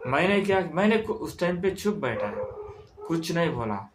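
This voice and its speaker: A man telling a story in the first person, halting, with restarts and English words mixed in. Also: on the high side, sing-song, noisy background.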